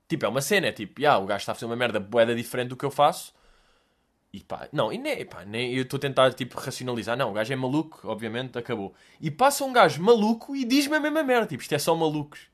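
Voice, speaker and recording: A young man with a Lisbon Portuguese accent, telling a rambling comic story as a podcast host, slangy and sweary, acting out bits. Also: a little high. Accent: European Portuguese, Lisbon. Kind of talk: casual comedic monologue.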